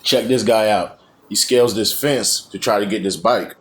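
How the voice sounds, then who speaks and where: Low-voiced man giving casual advice. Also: moderate pace. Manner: informal, advising. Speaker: video narrator. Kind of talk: casual commentary on caught-on-camera clips.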